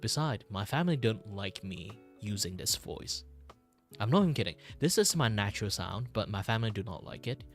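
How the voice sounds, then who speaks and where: A man with a fairly deep voice chats casually on a livestream. He rambles haltingly and circles back over phrases, with soft music underneath. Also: big pitch swings. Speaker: VTuber streamer.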